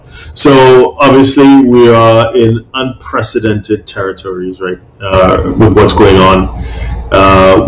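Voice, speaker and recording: A man with a fairly low voice hosts the interview, encouraging his guest and murmuring agreement often. His voice carries a roomy echo. Faint background noise sits under it. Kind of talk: casual interview questions.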